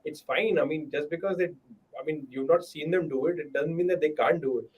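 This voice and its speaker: Fast Indian man on a dull, distant mic. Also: fairly high pitch, a little mellow, slightly rough. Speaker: cricket watchalong panelist. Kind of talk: casual live sports debate.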